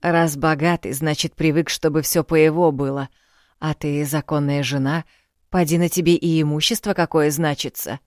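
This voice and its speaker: Woman doing blunt elderly country landlady, higher and louder, folksy scolding. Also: steady tone, normal speed, no echo, clean studio sound, natural voice. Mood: fussing. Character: elderly village landlady, blunt, earthy, fussing.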